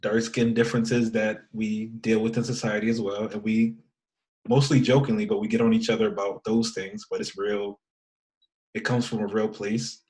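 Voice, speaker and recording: A man's voice: lowish voice, little pitch movement, moderate pace, darkish tone, poor audio. A man co-hosting a podcast in casual chat, talking thoughtfully and often trailing off or restarting his thoughts. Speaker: podcast co-host.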